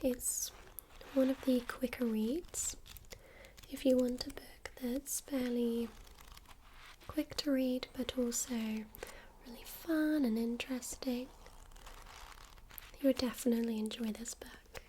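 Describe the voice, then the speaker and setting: A woman performs a whispered role-play as a friendly librarian. Her hushed library whisper is slow and gentle, with a soft, dark tone. It is captured close to the mic over faint background noise. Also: a little high, steady tone, rough recording. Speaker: friendly librarian recommending books.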